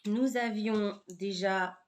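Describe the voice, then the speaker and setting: A woman hosting an embroidery vlog, chatting casually with many fillers and often sinking to a soft murmur. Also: mid-range voice, steady tone, slow pace. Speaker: Flosstube host showing embroidery projects. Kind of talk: casual chat.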